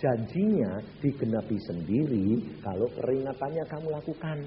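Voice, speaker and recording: A man, preaching a sermon and swinging from loud peaks to hushed drops. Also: mid-range voice, sing-song, moderate pace. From Central Java, Indonesia. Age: 80s. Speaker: evangelist preacher. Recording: echoey hall, dull lo-fi with hum.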